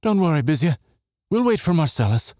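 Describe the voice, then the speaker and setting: A man voicing a frightened young girl with a high, trembling voice. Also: big pitch swings, brisk, a little mellow, no echo, clean studio sound. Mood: whimpering.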